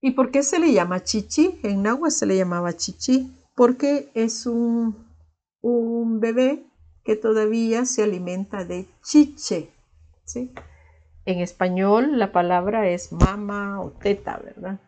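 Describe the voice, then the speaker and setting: A woman from El Salvador speaks with a Salvadoran Spanish accent as she teaches a recorded online class. Her voice is mellow and warm, with ordinary pitch for a woman. She explains patiently, checking in with tag questions and filling pauses with "eh". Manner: explanatory, frequent "¿verdad?" tag questions and "eh" fillers.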